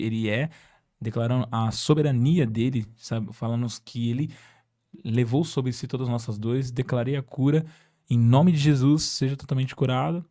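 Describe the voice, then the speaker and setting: A young man, casually telling an evangelism testimony in an animated, slangy way. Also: medium pitch. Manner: animated, peppers speech with slangy address to listeners.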